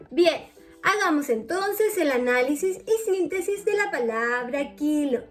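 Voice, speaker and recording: A woman teaching young children to read, patient and drawn-out, often checking that they follow. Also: high-pitched. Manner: slow, patient, drawn-out words with checking questions. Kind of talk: children's reading lesson.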